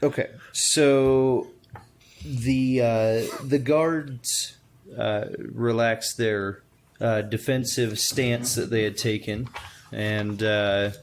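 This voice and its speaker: A man acting as game master, narrating a tabletop roleplaying game in halting, pieced-together phrases. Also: medium pitch, fairly even intonation, a little hiss or hum.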